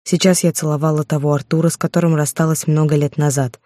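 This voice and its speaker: A woman narrating a first-person romance novel in a steady storytelling voice, on a close microphone. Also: low-pitched, fast, no room sound. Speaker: audiobook narrator.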